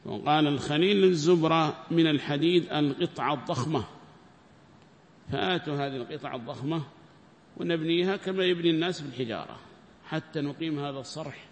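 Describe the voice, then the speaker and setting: A man giving a verse-by-verse scripture lesson, quizzing his listeners with quick rhetorical questions. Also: fairly high pitch. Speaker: Quran teacher. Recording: echoey hall with faint background noise.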